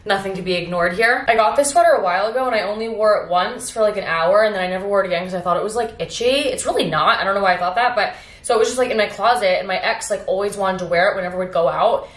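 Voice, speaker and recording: A woman's voice: mid-range voice, racing, hardly any pauses. Rambling young woman vlogging at home. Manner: rambling, animated storytelling with frequent swearing and "like". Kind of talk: casual vlog chat. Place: at home in her apartment. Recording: roomy, echoey room.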